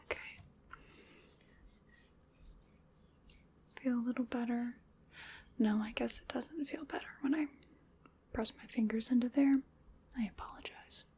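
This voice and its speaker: In a whispered ASMR roleplay, a woman plays a chatty, playful female vampire who fusses over her prey, breathy and soothing with a wryly polite edge. Her voice sits a little high, moves at normal speed with long pauses, and has a slightly mellow tone.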